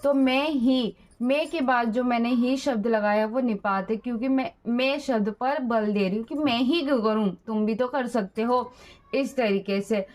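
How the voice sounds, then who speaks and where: A woman's voice: a little high, moderate pace, darkish tone. A young woman teaching a grammar lesson in a classroom style, repeating each example sentence twice.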